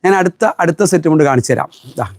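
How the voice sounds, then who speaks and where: A man's voice: fairly high pitch, rapid-fire, a little mellow, a little hiss or hum. A middle-aged man from Kerala, a shop owner chatting through a live sales stream and answering viewer comments. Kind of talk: live-stream product selling.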